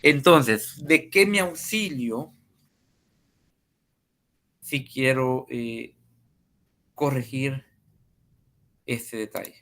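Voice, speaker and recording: Slow, hesitant male coding tutor. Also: medium pitch, creaky, a bit bright. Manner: slow and hesitant, many fillers. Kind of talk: screen-share coding tutorial.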